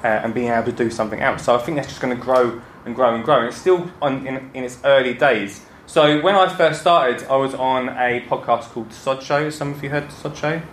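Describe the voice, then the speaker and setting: Essex bloke doing a chatty jokey talk on stage, echoey room, bit of noise behind him. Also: male voice, medium pitch, fairly even intonation, brisk, hardly any pauses. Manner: chatty, joking, self-deprecating. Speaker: gardening podcaster and speaker. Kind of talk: informal stage talk to an audience. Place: indoor talk before an audience, roomy space.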